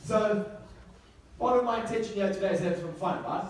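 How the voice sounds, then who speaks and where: A brisk, high-voiced South African man delivers an emphatic motivational seminar talk to a live audience. He keeps repeating key phrases and asking rhetorical questions, heard through a distant mic in an echoey indoor venue with faint noise.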